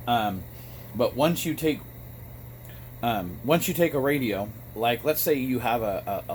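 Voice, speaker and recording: Filming himself on his phone's front camera, a hobbyist radio vlogger gives a halting, casual explanation, breaking off now and then to apologize. He has a mid-range voice. A two-way radio chatters behind him, making the phone recording noisy.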